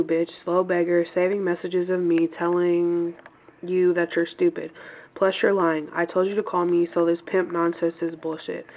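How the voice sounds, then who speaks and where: A woman tells a story by reading text messages aloud, one after another, in a matter-of-fact way, pausing now and then to clear her throat. Her voice sits low and carries a steady vocal fry. She keeps an even, flat delivery throughout. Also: low-quality recording.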